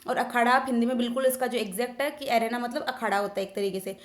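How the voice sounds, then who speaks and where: Young woman, exam vocab teacher, bright high voice, casual explainer. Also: quick pace. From India. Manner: chatty, explains with everyday examples, frequent fillers. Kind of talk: casual Hindi-English vocabulary lesson.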